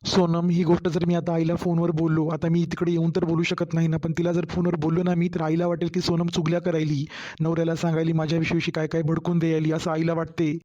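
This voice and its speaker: Cartoon: man as a weary young husband, Marathwada Marathi accent, very flat delivery, dull lo-fi sound. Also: a little high, fast, natural voice. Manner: pleading, tired explaining. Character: young husband working far away, weary. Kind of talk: cartoon story voice acting.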